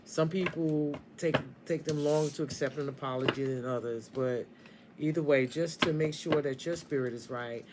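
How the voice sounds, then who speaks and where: Woman doing a tarot reading, low voice, swears a lot, talks right at you, hissy noisy audio. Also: moderate pace. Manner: blunt and animated, swears freely; talks straight to the listener. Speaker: tarot reader. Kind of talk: casual tarot card reading.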